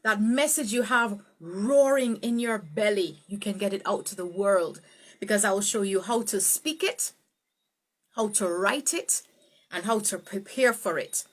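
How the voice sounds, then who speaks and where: A woman teaching a live online speech tutorial, greeting viewers and swooping her pitch up and down to show emphasis. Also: unhurried. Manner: greets viewers by name, laughs easily. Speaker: speech coach.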